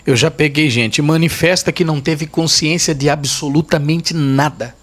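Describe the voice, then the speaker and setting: A man's voice: on the high side, fairly even intonation, normal speed, fairly bright tone. Emphatic pastor man telling a testimony. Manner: emphatic, repeats phrases for weight, vivid retelling. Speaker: pastor and guest. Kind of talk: testimony storytelling in a podcast interview.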